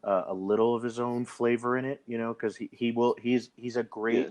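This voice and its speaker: A man's voice: medium pitch, flat delivery, brisk, darkish tone. A man in his thirties, co-hosting a casual podcast chat, rambling and restarting his sentences as he leads the talk. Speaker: podcast co-host.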